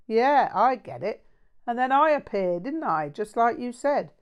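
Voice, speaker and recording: A woman's voice: fairly high pitch, sing-song, a little slow, smooth, voice pushed up. A woman voicing a brash, cheeky working-class man in an audiobook story, with a blunt, matey, slangy way of talking. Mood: brash, sardonic.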